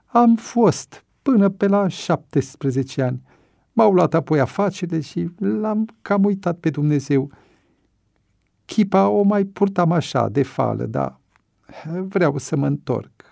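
A worried, remorseful male prisoner, as a male reader voices him, speaking softly in a raised, troubled tone. The delivery is quiet and dry, as in a close-read audiobook. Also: high-pitched, animated, gravelly, dry recording, pitched above the performer's own voice. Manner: soft, troubled.

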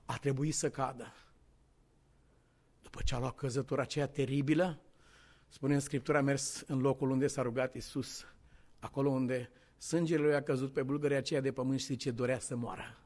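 A man preaching a sermon in a lively, conversational way, acting out biblical dialogue with humorous asides. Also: medium pitch. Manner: animated storytelling, acting out dialogue. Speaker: pastor.

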